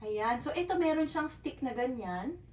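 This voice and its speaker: A woman's voice: sits high, animated, unhurried, a little mellow, echoey room, distant mic, low-quality recording. A woman teaching a beginner lesson in Tagalog mixed with English, patient and repetitive, often checking in with her learners. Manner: patient, repeats and checks with "okay?". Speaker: Japanese teacher.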